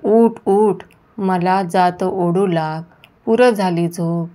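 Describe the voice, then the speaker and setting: A fierce old village grandmother, as a woman reading the story voices her, scolding in a shrill, demanding voice. Her tone stays low and mellow underneath the sharpness. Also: flat delivery, takes it slowly. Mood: urgent.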